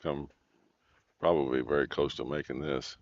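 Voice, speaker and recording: Male golf commentator, extremely low voice, measured and low-key, on a dull, muffled recording. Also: steady tone, dry recording.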